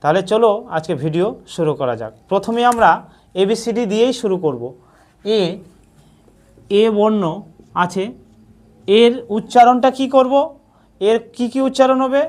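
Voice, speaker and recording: A woman's voice: fairly high pitch, measured pace, long pauses, a little mellow. A woman teaching a beginners' lesson, asking a question and then answering it herself, often repeating a short check-in phrase. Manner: repeats "ঠিক আছে" often. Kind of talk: scripted narration.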